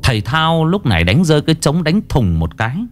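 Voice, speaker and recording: A man's voice: a little high, very animated, a little fast, slight background noise. A man narrating a ghost story in a dramatic, ominous storytelling manner. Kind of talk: scripted horror story narration.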